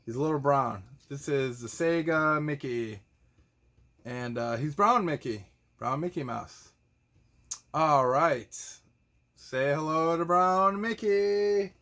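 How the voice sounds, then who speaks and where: A man with a fairly high, slightly bright voice speaks slowly as he hosts a playful kids' show. He's a children's show host and teacher, casually chatting about toys in a goofy, theatrical style full of silly exclamations.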